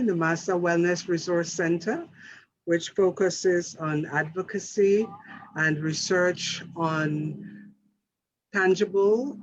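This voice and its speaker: A woman from Belize speaks very slowly and deliberately as she introduces herself to an online panel. Her call audio is dull, with faint noise behind it. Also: on the low side. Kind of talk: self-introduction on a virtual panel. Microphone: video call.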